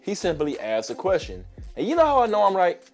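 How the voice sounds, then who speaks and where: A man's voice: high-pitched, huge pitch swings, a little fast, a little mellow, soft background music. A sarcastic man hosting his own commentary video, ranting at viewers while losing his voice to a cold. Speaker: commentary YouTuber. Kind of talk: opinionated video essay.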